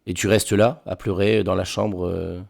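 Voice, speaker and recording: A man narrating a tabletop role-playing game as game master, halting and often repeating words. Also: deep voice, level tone, gravelly, darkish tone.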